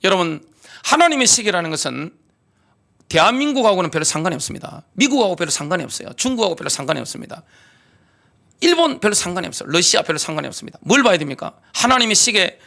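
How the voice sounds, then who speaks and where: A man's voice: high voice, very animated, fast talker, gravelly, pushed and bright. A middle-aged man with a Gyeongsang Korean accent, preaching a sermon as pastor, emphatic and full of rhetorical questions. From Gyeongsang region, South Korea.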